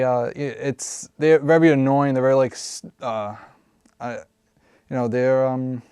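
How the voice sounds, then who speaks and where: A man's voice: mid-range voice, a little mellow, clean tone, no echo, studio quality. A man in his early twenties answering interview questions casually and rambling as he searches for words. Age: 20s.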